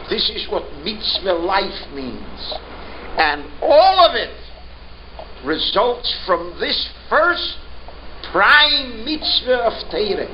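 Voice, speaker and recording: A man with a Yiddish-inflected accent teaching as a rabbi in an emphatic sermon style, asking rhetorical questions and drawing out key words. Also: high-pitched. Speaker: rabbi giving a religious lecture. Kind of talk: Torah lesson, sermon. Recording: dull lo-fi recording, faint noise.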